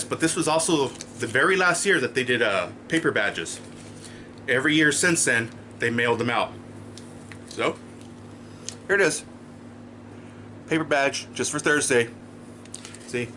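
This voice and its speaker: A man's voice: mid-range voice, sharp tone, slight background noise. A man casually telling a personal story in his vlog, holding up items for the camera. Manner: chatty, rambling, shows items to camera. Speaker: vlogger.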